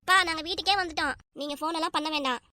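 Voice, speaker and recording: A woman's voice: high-pitched, rapid-fire, sharp tone. A woman voicing a young adult daughter in a cartoon, pleading with her angry father and then defying him. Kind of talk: cartoon voice acting.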